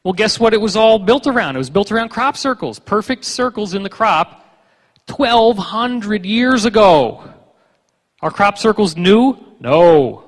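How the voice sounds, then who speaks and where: A man giving a joking, animated conference lecture over slides, tossing in quick voiced asides. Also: high-pitched. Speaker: conference speaker. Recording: long hall reverb.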